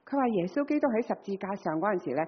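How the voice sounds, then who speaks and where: A woman's voice: medium pitch, lively intonation, racing, a little hiss or hum. A woman with a Cantonese accent interpreting a sermon phrase by phrase, with frequent filler particles. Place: church hall. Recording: dull recording in a reverberant hall.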